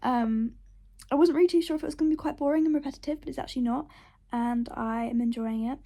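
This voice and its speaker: A woman's voice: high-pitched, quick pace, dark tone. A young woman vlogging casually about books, chatty and emotional, sometimes whispering from her bedroom. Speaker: book vlogger. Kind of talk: casual reading vlog. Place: bedroom at night.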